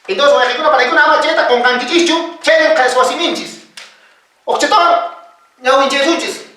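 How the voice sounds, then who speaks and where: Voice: high voice, brisk, pushed and bright, very echoey, distant mic. A teacher giving a patient alphabet lesson, reading the letters one by one and checking that students are following. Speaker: Quechua teacher. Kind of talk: classroom-style alphabet lesson.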